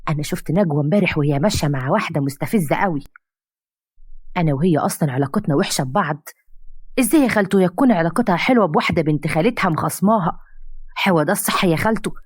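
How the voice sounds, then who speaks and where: Give me a woman voicing a preachy young Egyptian niece who lectures fast in a low voice. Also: animated, breathy edge, dry recording, studio quality. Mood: lecturing. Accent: Egyptian Arabic.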